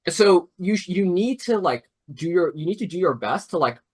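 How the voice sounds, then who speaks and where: A young man with a high, expressive voice, speaking at normal speed, mentors robotics teams over a video call. His casual explanation rambles, full of "like" and "uh," with restarts and self-corrections.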